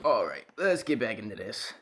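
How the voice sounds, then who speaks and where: A man's voice: fairly low pitch, very animated, normal speed, echoey room, slight background noise. A man giving casual reaction chat, speaking informally. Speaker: reaction video maker.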